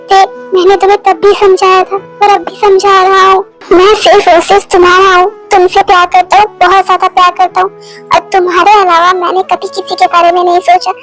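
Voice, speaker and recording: A woman's voice: very high voice, flat delivery, a little fast, music in the background, low-quality recording. A woman voicing a heartbroken young man who pleads with his girlfriend and stammers over his words, in a fan-dubbed romance. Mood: pleading. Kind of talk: Hindi fan dub of a romance story.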